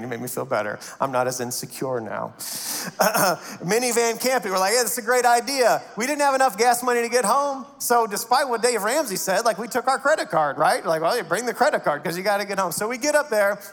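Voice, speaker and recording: A man's voice: sits high, a bit bright. A middle-aged male pastor telling a story in his sermon, acting out the voices of the people in it. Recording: reverberant hall.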